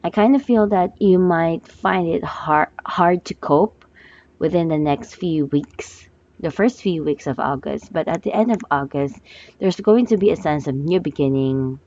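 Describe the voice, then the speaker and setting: A woman with a hoarse voice giving a monthly love forecast as a tarot reader, talking gently and hesitantly with many fillers. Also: sits low, a little slow, highs cut off.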